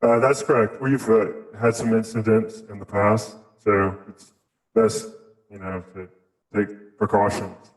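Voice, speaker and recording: A man being interviewed as a mining operator, speaking through a voice scrambler in a hesitant, halting way with many restarts. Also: on the low side, flat delivery, roomy sound, rough recording. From Southeast United States. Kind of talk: casual interview.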